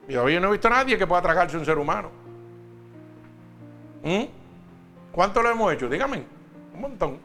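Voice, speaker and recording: A man's voice: high-pitched, big pitch swings, a little fast, pauses often, sharp tone, soft background music. A man preaching a sermon, talking straight to the congregation with emphatic questions.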